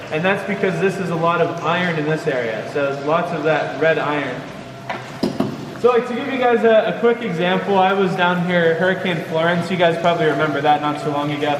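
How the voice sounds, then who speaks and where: Male cave-boat guide, higher register, informal and explanatory; picked up from a distance with cave echo. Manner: casual, chuckling, explanatory. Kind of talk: informal guided tour commentary. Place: inside a water-filled cave on a tour boat. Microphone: vlogger's camera, away from the speaker. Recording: echoey cave, distant mic, noisy background.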